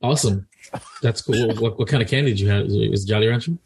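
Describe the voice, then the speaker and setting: A man's voice: fairly low pitch, rapid-fire, gravelly, background noise. A man co-hosting a podcast in casual banter, joking and rambling with frequent restarts. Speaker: podcast co-host.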